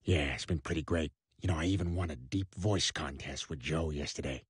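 An actor playing a crude cartoon husband who has suddenly got an extremely deep, rumbling voice. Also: male voice, fairly quick, husky, dry recording, studio quality, full character voice. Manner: crude, blunt. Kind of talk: cartoon voice acting.

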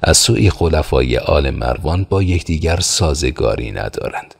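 A man playing a calm, thoughtful young man. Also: a bass voice, vocal fry, slightly rough, voice pushed up, exaggerated voice. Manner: calm, measured explaining.

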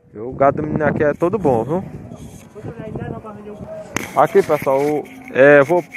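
With a fairly high voice and slight background noise, a man walks through outdoor cattle pens at a cattle fair, filming on his phone. He's a vlogger giving casual commentary to his viewers, chatty and repetitive, calling out to them again and again over the crowd chatter of the market.

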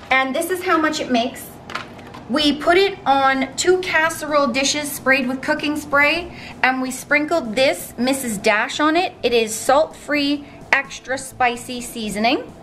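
A woman's voice: high voice, fairly bright tone, slight background noise. A woman in her thirties, from Canada, chatting step by step through a meal prep in her home kitchen. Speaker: vlogger. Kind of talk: casual cooking vlog.

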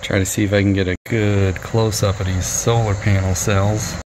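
Against a noisy background, a middle-aged man speaks at normal speed in a lowish voice that barely varies in pitch. He's a product reviewer doing a casual hands-on review in a driveway, musing aloud with dry humor, captured by a body-worn action camera.

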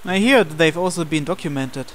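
The game's background music accompanies a young man who, as host, reads a visual novel's narration and dialogue aloud. His voice runs a little high and his delivery is fairly quick.

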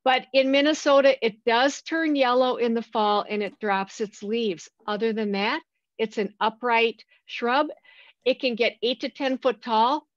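A woman's voice: on the high side, measured pace, no room sound. A woman from a plant nursery giving a friendly, enthusiastic slide talk to a garden club. She describes plants with frequent fillers and restarts. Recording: dull, dry lo-fi recording.

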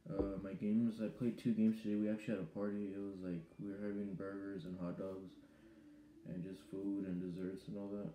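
A teenage boy vlogs casually to camera from a small bedroom, rambling hesitantly with lots of ums. His low voice is level, brisk, and dark in tone. It is recorded on a webcam or phone held at arm's length, sounding reverberant with slight background noise.

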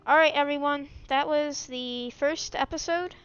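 A woman co-hosting a gaming video in casual chat, excitable and giggly and quick to yelp. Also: high-pitched, highs cut off, soft background music.

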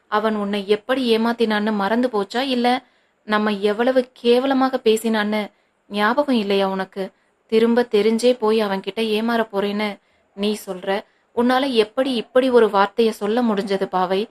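A woman's voice: fairly high pitch, steady tone, measured pace, darkish tone, lightly acted. A woman reading a novel aloud, voicing an angry, protective older brother who scolds his sister sharply.

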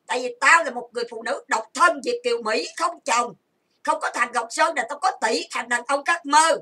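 A woman in a furious livestream rant, her high voice piercing and sharp. She swears and accuses nonstop, and she sounds set back from the microphone. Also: a little fast, husky, recorded from a distance. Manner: profane, accusing, insulting. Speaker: online streamer. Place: lying down at home.

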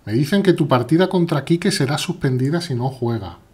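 A man's voice: on the high side, lively intonation, a little fast, darkish tone, breathy edge. A man with a Spain Spanish accent, chatting playfully as he plays live chess and answers viewers' chat. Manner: chatty, playful, reads chat aloud while playing. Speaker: chess streamer. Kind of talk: live chess stream commentary.

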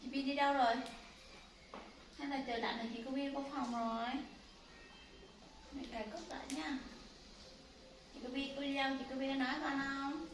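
A young woman talking to her pet monkeys as their mother, coaxing them in gentle baby talk. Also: high-pitched, steady tone, normal speed, long pauses, echoey room, background noise.

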